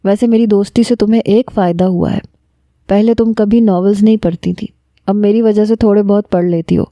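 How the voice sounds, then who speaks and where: A composed, level-headed young heroine who answers coolly and calmly, in a mellow, dark tone, voiced by a woman narrator. The recording is dry, with no room echo. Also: mid-range voice, natural voice. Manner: calm, composed.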